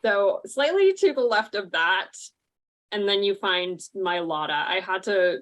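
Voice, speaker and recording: A woman's voice: medium pitch, expressive, a little slow, fairly bright tone. A woman, a musical theatre actor, chatting casually on a cast panel and giggling often between her thoughts. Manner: chatty and giggly, with many fillers. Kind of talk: casual chat.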